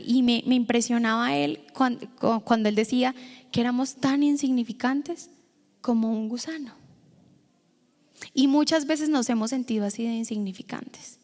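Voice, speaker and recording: A woman pastor giving a sermon, telling a personal story to the congregation in a lively, direct way. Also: fairly high pitch. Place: church hall. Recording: long church hall reverb.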